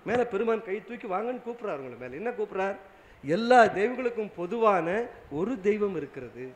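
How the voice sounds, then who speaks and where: High-voiced man in his seventies preaching. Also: big pitch swings, brisk. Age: 70s. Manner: storytelling, asks the listeners questions. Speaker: spiritual speaker. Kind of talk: religious discourse with a story.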